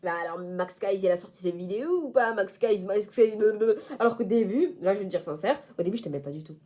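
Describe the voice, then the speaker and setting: A woman's voice: mid-range voice, animated, quick pace, mellow. A young woman in casual chat to camera as a vlogger, playful and self-mocking, with slang. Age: young adult.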